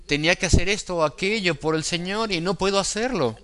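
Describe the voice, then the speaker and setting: Male preacher, sermon delivery, smooth tone, a touch higher than most men. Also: a little fast, sharp tone. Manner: quotes scripture and voices inner temptations.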